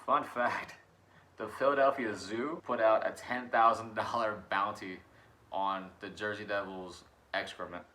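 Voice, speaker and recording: A man's voice: fairly low pitch, steady tone, a little slow, pushed and bright. A young man co-hosting a casual chat, telling cryptid stories in a laid-back way and laughing often. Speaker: podcast co-host. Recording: faulty microphone audio.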